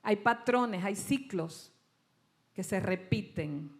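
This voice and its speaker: A woman's voice: mid-range voice, lively intonation, slow pace. A woman pastor from Venezuela, preaching a sermon and telling a personal story in which she acts out the dialogue and laughs at herself.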